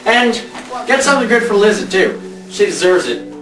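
A man's voice: high voice, very animated, moderate pace, music in the background. A young man playing a polite, folksy cowboy lawman in an amateur Western parody. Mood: polite, easygoing. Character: polite, laid-back Old West lawman cowboy. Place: basement den at home. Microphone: camcorder across the room. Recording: roomy, distant camcorder sound.

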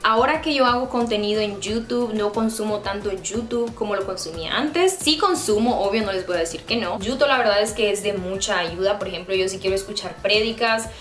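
A woman's voice: mid-range voice, a little fast, few pauses, a bit bright, roomy sound, soft background music. A woman in her twenties from Honduras with a Honduran Spanish accent, chatting casually and playfully to camera as a YouTuber. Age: 20s. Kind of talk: casual vlog chat to camera. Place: small indoor room by a plain grey wall.

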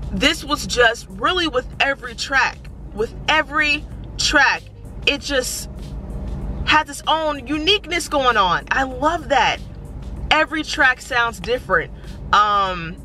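A woman's voice: fairly high pitch, low-quality recording. A young woman reacting to and reviewing songs from inside a parked car, gushing and exclaiming, filmed by a dashboard camera. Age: young adult. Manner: excitable, exclamatory, drawn-out gushing. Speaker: music reaction vlogger. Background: music playing.

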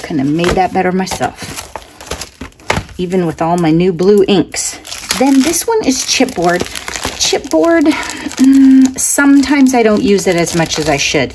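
A woman's voice: medium pitch, sing-song, unhurried, noisy background. A middle-aged woman from Oregon, chatting casually and enthusiastically about craft supplies she bought, filmed from above at a table. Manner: chatty and enthusiastic, exclaiming over items. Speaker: craft vlogger. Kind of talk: casual shopping haul chat. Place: indoors at a table, hands-only overhead camera.

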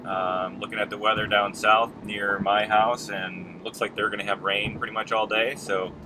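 A man in his thirties talking casually to a dashboard camera while driving, relaxed and rambling with many ums. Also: lowish voice, moderate pace. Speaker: mountain bike vlogger. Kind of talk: casual vlog talk to camera. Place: inside a car while driving. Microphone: camera mounted on dashboard. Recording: car cabin with road and air-conditioning noise. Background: car and engine noise.

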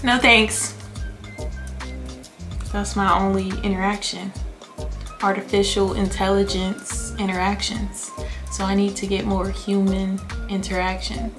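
A woman's voice: mid-range voice, little pitch movement, a little slow, long pauses, over music. A woman vlogger chatting casually to her viewers on a phone camera, joking as she goes. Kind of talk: casual vlog chat to camera.

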